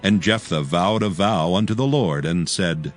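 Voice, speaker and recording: Low-voiced man narrating scripture. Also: moderate pace, faint music behind.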